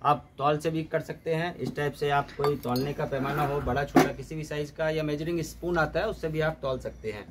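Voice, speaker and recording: A man giving a steady, step-by-step gardening demonstration, often mixing English terms into his explanations. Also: fairly high pitch, a little fast, hardly any pauses, very noisy. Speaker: gardening instructor.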